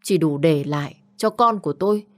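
A cold, powerful young widower, read by a woman in a spoken story. He speaks in short, controlled phrases. His voice sits low and hard. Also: moderate pace, natural voice. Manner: curt, controlled.

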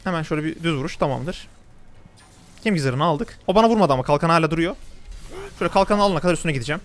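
A man's voice: a little high, expressive, soft background music. A young man casually commentating his own match as he plays, chatty and talking straight to his viewers. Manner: rapid, chatty, addresses viewers directly. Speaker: gameplay commentator. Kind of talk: live gameplay commentary.

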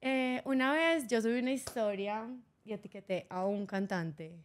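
A woman's voice: mid-range voice, moderate pace. A woman from Colombia with a Colombian accent, chatting casually as a guest on a radio show and laughing often as she tells stories. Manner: giggly, laughs often while telling stories. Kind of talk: casual chat. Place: radio studio.

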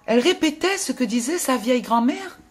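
A woman narrating a fairy tale in a gentle, expressive storytelling voice that drops to a hush at sad moments. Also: high-pitched, brisk. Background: faint music.

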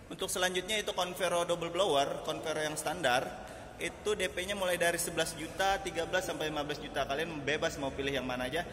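A young man talks to camera in a slightly high-pitched voice, selling with upbeat vlogger patter and the odd English phrase. He is recorded on a handheld phone in a big hard-walled showroom, so his words carry a long echo. Clear ambient noise sits behind him throughout. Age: 20s. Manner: upbeat sales patter addressing viewers as guys, with bits of English. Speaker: car dealership salesman and channel host. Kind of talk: promotional vlog talk to camera. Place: large indoor car showroom. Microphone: phone at arm's length. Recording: echoey large showroom with loud ambient noise.

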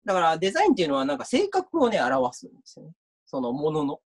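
A man's voice: fairly high pitch, wildly swooping pitch, quick pace, vocal fry, husky. A university lecturer giving an online mock class, chatty and reading out viewer comments as he talks.

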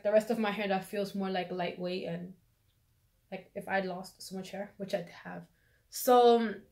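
A woman vlogger chatting casually through her hair routine, full of fillers, recorded on a phone camera. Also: fairly high pitch. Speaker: beauty vlogger.

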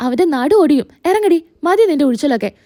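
A woman's voice: high voice, very animated, fast talker, warm tone. A woman voicing an indignant middle-aged mother who scolds her daughter-in-law. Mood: scolding. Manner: scolding, accusing.

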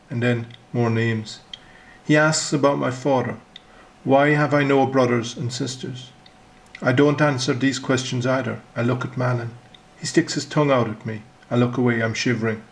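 A man reading his own short story aloud in the first person, measured and low, dropping almost to a whisper on the detective's lines. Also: low-quality recording.

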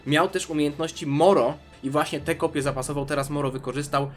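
Animated man recapping a comic. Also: fairly high pitch, fast, soft background music. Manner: animated, with slips and restarts. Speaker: host. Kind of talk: casual comic recap narration.

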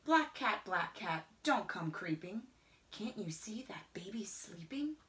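A middle-aged woman reads a picture book aloud to children in a spacious indoor room, storyteller-style and full of expression. She takes it slow and rhythmic, her pitch rising and falling widely, and she frequently drops to a soft whisper.

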